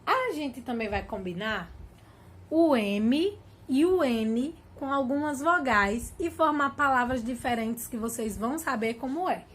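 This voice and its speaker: Slow patient teacher woman. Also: sits high, lively intonation, a bit bright, breathy edge. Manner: slow, patient, spells out syllables one by one. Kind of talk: children's literacy lesson.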